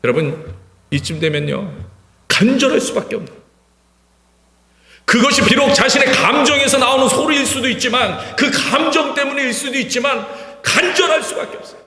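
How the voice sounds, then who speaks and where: A male pastor preaching an impassioned sermon in a church, repeating words for emphasis and swinging from hushed to shouting. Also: very high-pitched, lively intonation, moderate pace. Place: church sanctuary. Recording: reverberant church hall.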